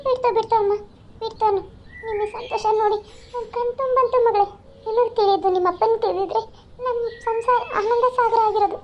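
A woman's voice: very high voice, steady tone, a little fast, slight background noise, pitched above the performer's own voice. A woman voicing a caring village mother in a cartoon, who pleads and protests on her daughter's behalf. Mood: tender. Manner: pleading, indignant. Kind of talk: cartoon voice acting. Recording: slightly dull lo-fi sound.

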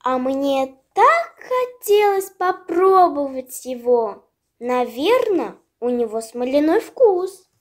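A woman reading a children's tale aloud, voicing a timid, curious young fox cub in a raised, gentle voice. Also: high-pitched, very animated, takes it slowly, heavily acted. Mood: wistful. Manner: timid, wondering.

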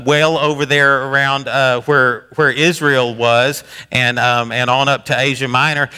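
A man's voice: mid-range voice, sharp tone. A middle-aged man preaching a sermon in a small wood-walled church, folksy and rambling, with many fillers and restarts. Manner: gestures broadly while preaching. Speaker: pastor.

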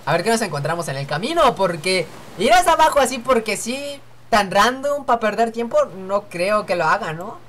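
A woman's voice: mid-range voice, expressive, moderate pace, hardly any pauses, fairly bright tone, a little hiss or hum. A young woman hosting a let's-play, chatting and joking to herself as she reads game dialogue aloud. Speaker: gaming channel host.

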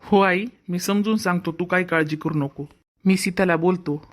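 A woman's voice: on the low side, steady tone, normal speed, close to an everyday voice. A woman voicing an earnest, dutiful young husband and son in a cartoon family drama, lecturing his wife.

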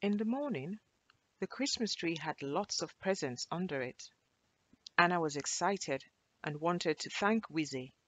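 Slow, expressive woman storyteller. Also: fairly low pitch, no echo. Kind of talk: children's storybook reading.

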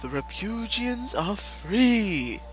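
A man voicing a gloating villainous dentist from a video game, with slow, theatrical menace. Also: sits high, very animated, faint music behind, exaggerated voice. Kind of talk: reading game dialogue aloud in character.

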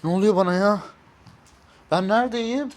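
A fairly high-voiced man performing his own homemade drama. He talks to himself, calling out in a frantic rush and then coaxing himself back to calm in hushed tones. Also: normal speed. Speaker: YouTube series creator playing himself as an agent.

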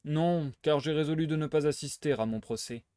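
A man voicing a suave, teasing gentleman thief while reading a novel aloud. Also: on the high side, brisk, clear, resonant tone, dry recording, close to an everyday voice. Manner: playful, teasing, smugly theatrical.

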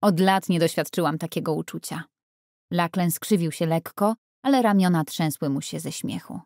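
A woman narrates a first-person audiobook in a measured, even way. Her voice sits a little low. It is recorded close on a studio mic with a dry, dead sound. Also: no echo.

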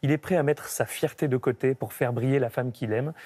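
Brisk and dark in tone, with a mid-range voice, a thirty-something opera tenor responds to questions in a TV studio interview. He's reflective and thoughtful, often restarting sentences, picked up on a broadcast mic in a medium shot.

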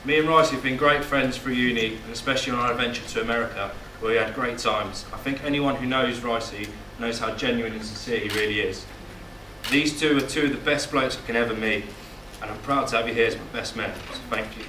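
A young man delivers his groom's speech at an indoor wedding reception, reading from his notes at a fast clip in a medium-pitched voice. He jokes around, yet his voice catches with emotion at moments. A distant camera with no mic picked it up, so the hall sounds echoey and the noise is loud.

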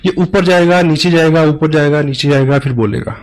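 A man playing a glib, high-pitched shopkeeper. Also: a little fast, natural voice. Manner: breezy, persuasive and dismissive. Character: glib male shopkeeper selling quick fixes.

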